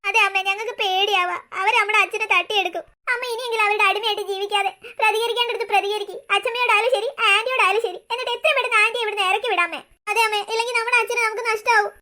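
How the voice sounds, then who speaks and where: Worried teenage cartoon daughters, voiced by a woman, plead anxiously. The voice is very high and bright, and they talk fast. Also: fairly even intonation.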